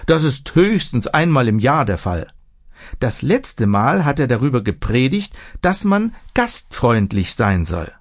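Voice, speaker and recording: A man's voice: medium pitch, very animated, a little slow, dry recording, studio quality. A man voicing a plump old village woman who pants and chatters eagerly as she invites guests in. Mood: pious chatty. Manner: breathless, eager, pious chatter.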